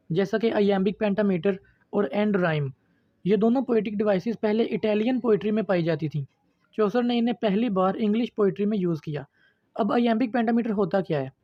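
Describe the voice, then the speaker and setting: Mellow-voiced patient online lecturer. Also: mid-range voice, dry recording, highs cut off. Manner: patient step-by-step explaining, addresses viewers as friends. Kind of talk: explanatory video lecture.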